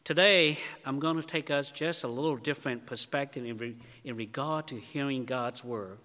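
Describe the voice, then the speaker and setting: A pastor giving a sermon in a slow, deliberate manner, with solemn drops in volume. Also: male voice, medium pitch, bright, forceful tone. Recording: long hall reverb.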